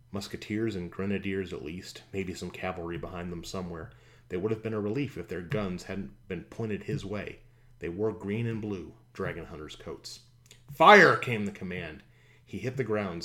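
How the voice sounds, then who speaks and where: A man narrating a fantasy audiobook in a steady, even storytelling manner. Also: sits low.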